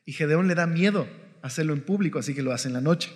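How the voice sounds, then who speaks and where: A slightly higher-voiced man teaches a devotional Bible lesson in a relaxed, conversational way. He keeps checking in with his listeners as he explains. His voice carries a long hall reverb. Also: fast.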